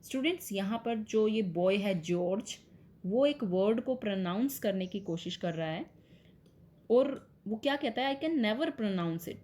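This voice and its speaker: A woman teacher walks students through a story. She speaks slowly and patiently, with hesitant fillers, in a mid-pitched voice. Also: expressive, warm tone. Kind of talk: bilingual classroom explanation.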